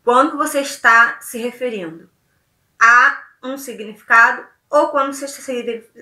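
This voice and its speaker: Brazilian lady teacher, chatty, keeps asking ok?, sharp bright voice, roomy echo. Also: a little high, normal speed, far from the mic. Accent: Brazilian Portuguese. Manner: chatty, checks in with "ok?" and "beleza?". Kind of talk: recorded online lesson.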